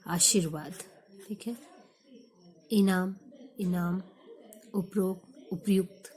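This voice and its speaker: A woman teaching a grammar lesson, slowly repeating example sentences for her students. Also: lowish voice, steady tone, darkish tone.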